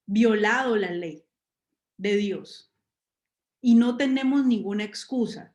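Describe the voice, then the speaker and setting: A woman's voice: on the high side, a little mellow. A woman preacher giving a conversational sermon to a live congregation, asking her listeners rhetorical questions and drawing on everyday examples. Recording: roomy echo.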